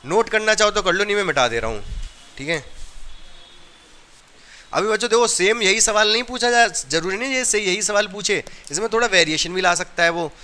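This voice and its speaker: Man, maths teacher, from India, classroom lesson, slightly high, crisp voice. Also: fairly quick, bright, forceful tone. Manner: explains step by step, often asks students if they understood.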